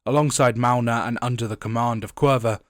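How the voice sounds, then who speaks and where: In this scripted video essay, a young man with a head cold, sounding a little blocked up, reads through game lore and adds friendly asides. His medium pitch stays fairly even and quick, captured in studio quality with no echo.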